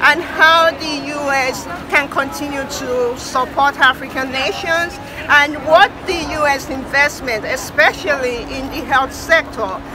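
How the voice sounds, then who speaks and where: A woman with a high voice hosts an unscripted news wrap and interview outdoors in a busy city park, with crowd and traffic noise around her. She speaks unhurriedly with hardly any pauses, yet sounds hesitant and uses many fillers.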